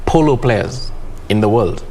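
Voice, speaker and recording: A man's voice: lowish voice, lively intonation, a little slow, vocal fry, warm tone, slight background noise. A man from Kenya co-hosting a studio sports discussion, talking emphatically and tagging his points with "okay?". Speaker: sports show co-host.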